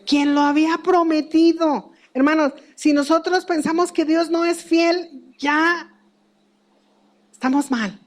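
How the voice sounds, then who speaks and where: A woman's voice: sits high, fairly even intonation, takes it slowly. A middle-aged woman giving a conversational church Bible teaching, asking rhetorical questions and laughing at her own stories.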